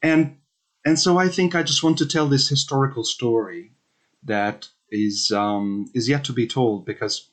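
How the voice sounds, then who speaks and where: A man's voice: medium pitch, a little slow. A man from Hungary in his thirties, a researcher answering interview questions thoughtfully, with many fillers and restarts.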